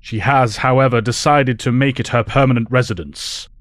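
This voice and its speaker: A man playing a principled professor who leads mutant heroes, speaking in a measured, formal way in an audio drama. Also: mid-range voice, no echo, studio quality, lightly acted. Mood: grave, measured.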